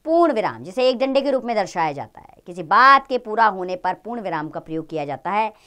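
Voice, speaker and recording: A woman teaching children a grammar lesson, speaking in an expressive, explaining tone. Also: brisk. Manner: expressive, rises and falls in pitch.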